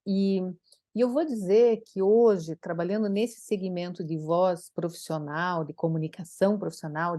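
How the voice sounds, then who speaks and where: A woman speech therapist from Brazil telling stories from her career in an interview, lively and expressive. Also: no echo, clean studio sound. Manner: animated, acts out quoted dialogue with big pitch jumps. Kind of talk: conversational interview storytelling.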